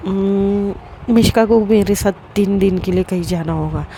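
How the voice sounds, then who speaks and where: A woman's voice: medium pitch, measured pace, dark tone, a little hiss or hum, close to an everyday voice. Woman voicing a teasing young man. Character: young man, playful and pushy friend.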